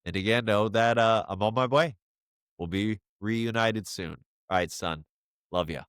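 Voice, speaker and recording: A man recording a personal video message to his young son, halting and emotional, choked up and full of fillers. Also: lowish voice, a bit bright, smooth, dry recording, clean studio sound.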